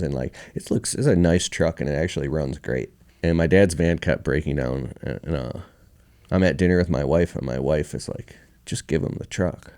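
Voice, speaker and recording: A man's voice: a bass voice, dark tone. A man being interviewed as a podcast guest, telling a personal story in a candid, emotional, casual way, with slang like bro and dude.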